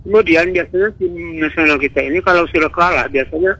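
Fast, outspoken Indonesian man calling in. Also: on the high side, sharp tone, breathy edge. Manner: outspoken, rambling, self-interrupting. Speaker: radio caller. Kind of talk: call-in opinion on a radio show. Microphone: telephone. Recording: phone line into radio broadcast.

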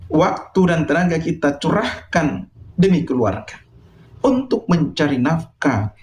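A higher-voiced male preacher, gravelly and a little mellow, delivers a sermon to his listeners in a solemn, exhorting manner, deliberate with emphatic phrasing. The sound is echoey and reverberant.

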